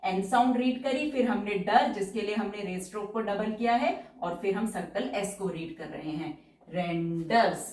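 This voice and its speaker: A woman teaching shorthand in a patient, step-by-step way, repeating each example word slowly. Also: mid-range voice, darkish tone, distant mic. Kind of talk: step-by-step tutorial explanation. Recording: roomy echo, voice from off-mic.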